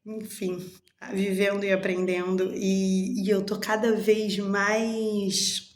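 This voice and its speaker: A woman with a mid-range voice speaks slowly and in a level tone, and the sound is roomy. She hosts her own channel, sharing personal reflections candidly and chattily and acting out her inner dialogues.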